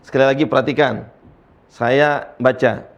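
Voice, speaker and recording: A man teaching Quran recitation to young learners, patiently explaining letter lengths and chanting the letters slowly for students to repeat. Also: medium pitch, steady tone, lo-fi sound.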